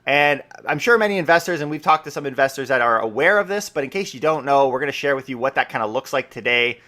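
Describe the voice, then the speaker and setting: A man's voice: mid-range voice, animated, fast talker, bright, forceful tone. A man with a Canadian accent, a real estate broker hosting a solo daily podcast, talking in an upbeat, chatty way with casual asides. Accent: Canadian English.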